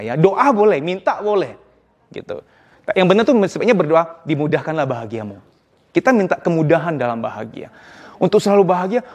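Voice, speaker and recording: Lively man giving a casual lecture. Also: high-pitched, husky. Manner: lively, plays out quoted voices, slips in English phrases. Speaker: psychology speaker.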